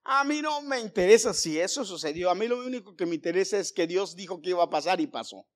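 A middle-aged man preaches a sermon, telling stories laced with jokes and calling his congregation brothers. His voice is high, and he talks fast and animatedly.

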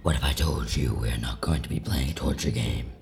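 A performer voicing a menacing hooded male kidnapper, with a pitched-down, deep and whispery voice. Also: creaky. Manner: slow, hushed and menacing.

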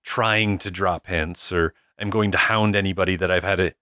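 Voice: low voice, normal speed, no room sound. Rambling podcast co-host, dry sound. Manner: relaxed, rambling. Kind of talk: casual podcast chat.

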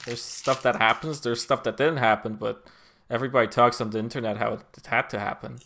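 A man hosts a podcast in a relaxed, easygoing way. He pauses often mid-sentence and speaks at a middling pitch. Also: vocal fry. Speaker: podcast host. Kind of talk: casual chat.

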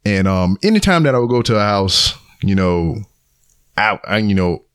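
A man with a fairly low voice sits at a dry, close podcast mic, spinning a personal story in loose, profane chat. He keeps slipping into animated impressions of the people in it, and his voice jumps up whenever he quotes someone. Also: normal speed, smooth, no room sound. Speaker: podcast co-host. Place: home podcast studio.

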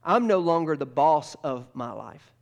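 Male pastor, fairly high voice, earnest sermon delivery with repetition and soft prayer. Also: expressive, a little slow, gravelly, muffled recording. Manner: earnest, repeats phrases, drops to soft tones in prayer.

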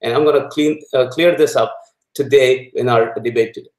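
A man from Pakistan, a guest in a political interview, speaking haltingly with many fillers and growing indignant. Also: medium pitch, fairly even intonation, darkish tone, echoey room, poor audio.

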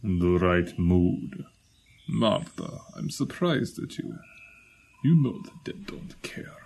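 A brooding old-world immortal gentleman in a radio comedy. His deep voice is gravelly and husky. He speaks haltingly and formally, swooping dramatically from line to line. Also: big pitch swings, exaggerated voice. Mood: hushed, courteous. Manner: halting, formal, theatrically drawn-out. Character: brooding, courteous, melancholy immortal gentleman with an eerie air.

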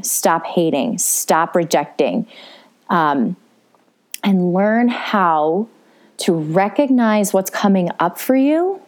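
A woman coaching in a gentle, reflective self-help talk, slowing down to stress key points. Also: mid-range voice.

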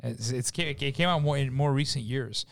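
A man's voice: medium pitch, brisk, creaky. A man in casual, opinionated chat, telling things emphatically with slang and repetition. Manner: emphatic storyteller, repeats himself, slangy.

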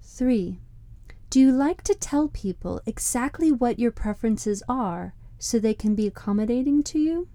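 Mellow woman guiding a scripted reflection. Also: on the high side, expressive, no echo. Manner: measured, deliberate, contemplative. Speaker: podcast host and meditation guide.

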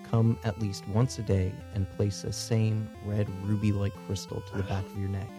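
A man narrating a tabletop game as game master, in steady, descriptive narration. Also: lowish voice, creaky.

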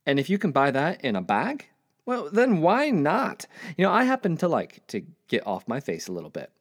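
A man's voice: a little high, huge pitch swings, moderate pace. Guy narrating his own story, tired and rambly, voice swings up and down a lot. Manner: weary, rambling, reflective. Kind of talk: first-person storytelling.

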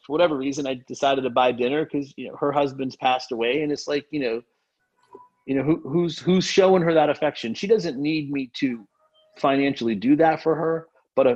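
Man from Haiti, podcast guest, earnest, lots of "you know", mid pitch, slightly dull audio. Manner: earnest, many fillers and restarts. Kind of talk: casual faith conversation.

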